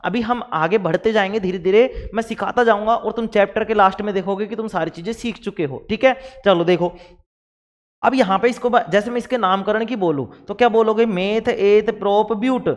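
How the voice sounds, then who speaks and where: A man's voice: sits high, brisk, in a large hall, muffled recording. A man teaching a science class. He keeps asking questions, answers them himself, and acts out imagined replies from his students. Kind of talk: classroom lecture.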